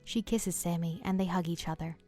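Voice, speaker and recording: A woman reading the narration of an animated story in a dramatic storytelling manner. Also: lowish voice, brisk, soft background music.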